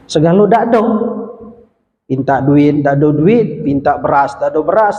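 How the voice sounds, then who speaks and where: A man's voice: on the high side, expressive, normal speed, warm tone, dull audio. A male preacher giving a short Ramadan sermon, telling stories and addressing the audience directly. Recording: long hall reverb.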